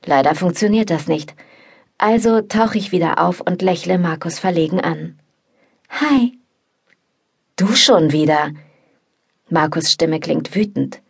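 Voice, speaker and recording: Woman, audiobook narrator, first-person scripted narration, intimate, gravelly. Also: on the low side, steady tone, normal speed.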